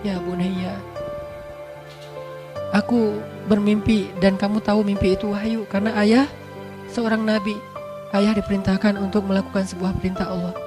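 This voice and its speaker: A man voicing a gentle, loving father who is a prophet, speaking softly and tenderly. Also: high voice, little pitch movement, normal speed, pauses often, music in the background, pitched below the performer's own voice, lightly acted.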